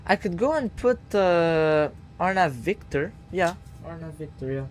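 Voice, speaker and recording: A man's voice: fairly high pitch, unhurried, soft background music. A man streaming a flight simulator, casually thinking aloud and muttering to himself as he works through procedures.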